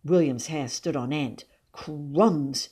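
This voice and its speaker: A woman hosting a podcast and reading a children's book aloud in a measured, expressive way. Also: sits low. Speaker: podcast host and reader.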